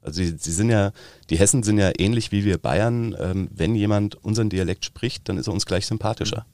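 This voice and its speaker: A man from Upper Bavaria with a Bavarian accent, an actor chatting as an interview guest and telling lively anecdotes with quick dialect impressions. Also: fairly low pitch, no echo. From Upper Bavaria, Germany. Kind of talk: casual interview chat.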